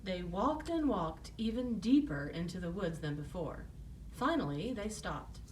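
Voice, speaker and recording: A woman narrates as if opening a fairy tale for children. Her pitch moves in lively swings through the scripted story. She sounds slightly away from the mic, with faint noise. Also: measured pace, recorded from a distance.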